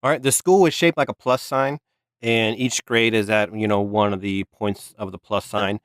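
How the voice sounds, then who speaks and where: A man narrating as game master in a halting, easygoing manner. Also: lowish voice, fairly even intonation, a bit bright, no echo, clean studio sound. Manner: halting, restarts, laughs along.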